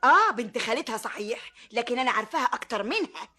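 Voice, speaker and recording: A gossiping Egyptian matron. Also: female voice, fairly high pitch, expressive, racing, sharp tone. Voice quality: chatty, meddling. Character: nosy gossiping middle-aged neighbor mother. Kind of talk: classic film drama.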